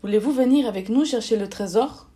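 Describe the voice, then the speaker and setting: An eager, well-meaning little storybook creature with a high, pleading voice, acted by a woman reading aloud. She is earnest and polite. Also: a little fast, dark tone, natural voice. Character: young female animal, kind and eager.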